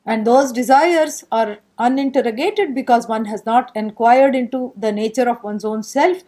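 A woman with an Indian accent giving an informal scripture lecture as a spiritual teacher, playful and full of rhetorical questions. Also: fairly high pitch. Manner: animated storytelling with rhetorical questions and playful humour.

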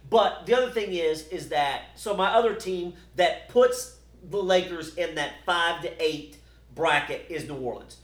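A man co-hosting a podcast, arguing about sports in a casual, blunt and profane way that turns animated. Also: a little high, measured pace. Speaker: podcast co-host. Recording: echoey room.

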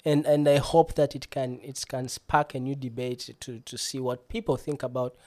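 A man's voice: medium pitch, steady tone, dark tone. A man in his thirties from Uganda, a guest researcher talking through his work in a casual interview, often stopping to repeat words. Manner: halting, with many repeated words.

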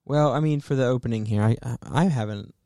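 A man's voice: medium pitch, quick pace, dark tone, dry recording, studio quality. A man hosting a podcast, chatty and joking in casual talk. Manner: chatty and joking, loose with fillers. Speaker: podcast host. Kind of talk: casual chat.

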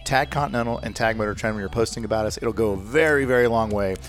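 Fast-talking joking man. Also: lowish voice, soft background music. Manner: joking, quick banter. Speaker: podcast co-host. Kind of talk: casual chat. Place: restaurant by the ocean.

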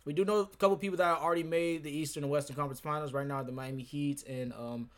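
A man's voice: a little high, steady tone, fast. A young man hosting a casual sports podcast, steering the discussion with slangy frat-bro talk.

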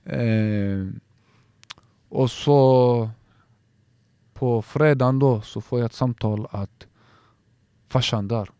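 A man's voice: medium pitch, dark tone, smooth, no room sound. En man som i ett avslappnat poddsamtal berättar känslosamt om en fight, stakande och med många omtag och utfyllnadsord. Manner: emotional storytelling, halting with many restarts and fillers. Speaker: MMA fighter guest. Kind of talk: casual podcast conversation.

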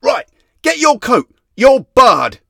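A man's voice: mid-range voice, a little fast, no echo, voice pushed up, lightly acted. A man voicing a tough, patronizing middle-aged pub landlady who calls everyone darling, in a dry, close audiobook recording. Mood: bellowing. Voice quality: bellowing. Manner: patronizing, endearments.

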